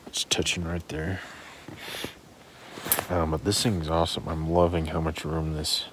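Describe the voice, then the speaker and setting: Low-voiced man on a noisy phone recording. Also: little pitch movement, unhurried. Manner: easygoing, rambling with fillers. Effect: recorded on a phone, audio bad. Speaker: hiker vlogger. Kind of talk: casual camping vlog. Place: inside a small tent with mesh liner. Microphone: phone mic.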